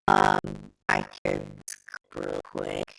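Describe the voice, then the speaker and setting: A woman co-hosting a casual chat, her voice coming through a robotic, metallic, pitched-down distortion on an online call, talking in a halting way with fillers. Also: completely flat delivery, vocal fry, a bit bright, faint music behind.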